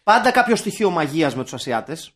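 A man, co-hosting a podcast in casual, animated banter about films, swearing and bursting into mock-shouted quotes. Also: on the high side. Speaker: podcast co-host.

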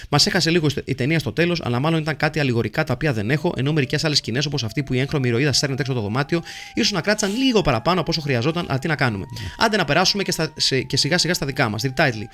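A man's voice: a little high, expressive, a bit bright. A man hosting a podcast, reading listener messages aloud in a playful, jokey way and rattling through lists of names. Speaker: podcast host.

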